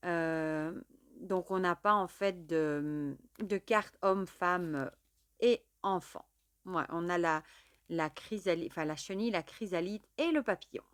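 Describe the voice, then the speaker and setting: A woman, chatting casually while unboxing and showing a card deck, often filling pauses with little stock words. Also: on the low side, clean tone, dry recording, clean studio sound. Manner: chatty, fills with "voilà" and "euh". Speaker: tarot and oracle deck reviewer.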